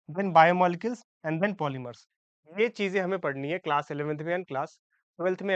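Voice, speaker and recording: The speaker, a man with a high-sitting, fairly bright, smooth voice, delivers an exam-prep chemistry lecture in Hindi mixed with English. Frequent check-ins with the class and self-corrections mark his delivery. The audio is dull, with no echo.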